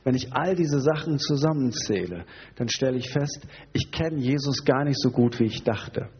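A man's voice: medium pitch, moderate pace, husky, big-room sound, highs cut off. A man preaching a sermon, conversational and sometimes sarcastically joking, reflective in tone. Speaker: pastor.

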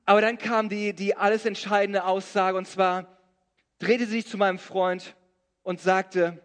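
A man's voice: high voice, level tone, a little slow, smooth. A middle-aged man from Germany preaching a sermon, mixing scripture with humorous stories about his own life. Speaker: pastor. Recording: long reverb of a large hall.

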